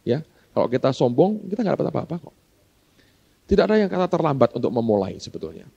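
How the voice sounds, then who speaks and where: A man's voice: mid-range voice, big pitch swings, quick pace, vocal fry, warm tone, breathy edge. A male pastor telling a story in a sermon, chatting with the congregation and acting out both sides of a back-and-forth dialogue. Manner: conversational, keeps addressing the congregation as "saudara"; acts out both sides of a dialogue in a question-and-answer rhythm. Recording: dull lo-fi sermon recording.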